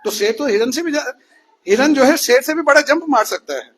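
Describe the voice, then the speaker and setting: A man's voice: very high-pitched, expressive, a little fast, husky. A male teacher telling a story to children in class, often asking them questions as he goes. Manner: asks questions to the listeners.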